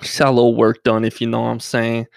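A man's voice: medium pitch, monotone, fast talker, vocal fry, clear, resonant tone, no room sound, studio quality. A young man talking casually in a sarcastic, rambling vlog monologue full of fillers. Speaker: social media creator.

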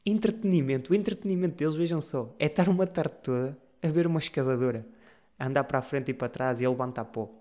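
A man's voice: mid-range voice, fast talker, darkish tone. A young man with a European Portuguese accent, hosting a casual solo podcast and ranting with exasperation and frequent swearing. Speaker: podcast host.

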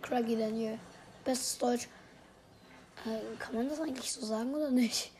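A hoarse teenage girl with a high, cracking voice that sits on the mellow side. She chats through a game in loud, slangy bursts and sometimes drops to a whisper. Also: normal speed. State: strained, cracking voice. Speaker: gaming podcast host. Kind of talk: casual gameplay commentary.

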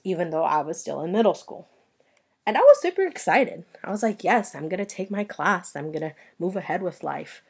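This solo podcast monologue comes from a host in her twenties who grew up speaking Spanish. Her voice sits slightly low with a breathy edge, and she recounts personal stories earnestly, often addressing her audience directly.

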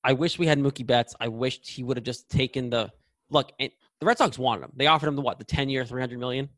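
A man in his late twenties speaks in a casual podcast chat, laying out blunt, opinionated arguments. His voice sits at a middle pitch and sounds dry and close, with no room echo. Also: quick pace, a bit bright. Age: 20s. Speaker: podcast co-host.

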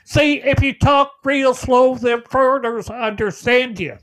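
A man's voice: extremely high pitch, steady tone, measured pace, a bit bright, exaggerated voice. A man playing a folksy old farmer co-hosting a comedy show, with homespun rural talk. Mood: deadpan folksy. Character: folksy old male farmer, cheerfully confident. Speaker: co-host. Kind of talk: comedic character banter.

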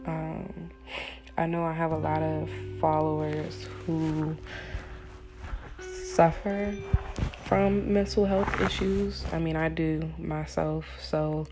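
In a quiet, deep and unhurried voice, a woman hosts a laid-back solo podcast while her baby sleeps nearby. Her manner is candid and easygoing, peppered with fillers and occasional swearing, her pitch staying steady, and plucked guitar music plays distinctly in the background.

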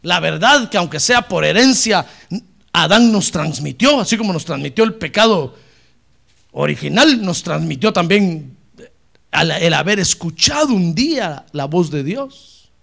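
A male pastor preaching a sermon, telling stories and rising to shouted praise. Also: high voice, expressive, measured pace, creaky.

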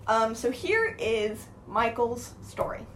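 Young woman, slightly high voice, rambling casual chat, lots of fillers, podcast co-host. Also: big pitch swings, slow, a bit bright, a little hiss or hum. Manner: rambling, chatty, heavy with filler words. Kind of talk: casual chat recapping a TV show.

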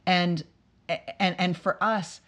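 A woman's voice: fairly low pitch, steady tone, slow, fairly bright tone. A woman hosting an interview who affirms her guest and searches aloud for the right words. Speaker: interview host, musician. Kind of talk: casual interview conversation.

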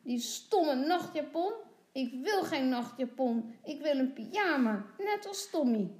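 A bold, stubborn little girl , played by a woman reading aloud. She pleads eagerly in a raised childlike voice with a lot of movement in it. The delivery is slow and careful, as in a storybook. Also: sits high, animated, a little mellow, echoey room, pitched above the performer's own voice. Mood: pleading.

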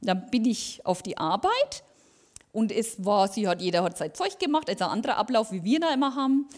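Woman, lay speaker, lively testimony with acted-out dialogue, slightly high voice. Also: brisk. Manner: lively storytelling, acting out dialogue. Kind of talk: personal testimony in a church service. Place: church service.

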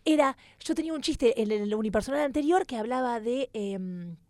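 A woman with a Rioplatense Spanish accent, a comedian telling stories in a casual chat, animated with many fillers. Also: a little high, normal speed, no echo. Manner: animated storytelling with many fillers and acted quotes. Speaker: comedian guest. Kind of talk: casual conversation.

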